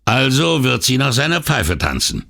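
A man doing a coarse, boastful older workman with a raised, lively voice that keeps swinging up and down. He gossips bluntly, pleased with his own cleverness, and his tone has a gravelly edge, as in an audiobook reading. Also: mid-range voice, moderate pace, pitched above the performer's own voice, heavily acted. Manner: gossipy, blunt, proud of himself.

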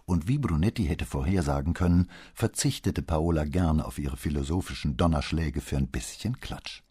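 A man narrating a crime novel audiobook in a measured storytelling manner. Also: a bass voice, warm tone, slightly rough. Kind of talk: scripted narration.

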